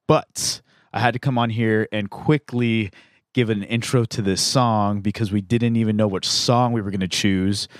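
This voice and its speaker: A man with a fairly low voice hosts a podcast in an easygoing, rambling way, full of ums and uhs. His voice is close and dry, with no room sound around it. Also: no room sound. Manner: loose and rambling, with many fillers. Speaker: podcast host. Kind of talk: casual podcast chat. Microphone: studio mic in a booth.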